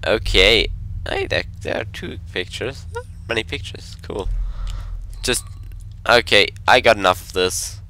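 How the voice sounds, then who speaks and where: A man's voice: lowish voice, unhurried, long pauses, sharp tone, slight background noise. A man commentating his own horror game play, jumpy and talking to himself, sometimes dropping to a whisper when scared. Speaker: gameplay commentator.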